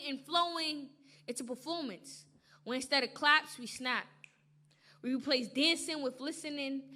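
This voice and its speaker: A woman's voice: high voice, sharp tone. A young American woman poet speaking on stage, moving between casual introductions and spoken word poetry. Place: live stage before an audience. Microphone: stage microphone.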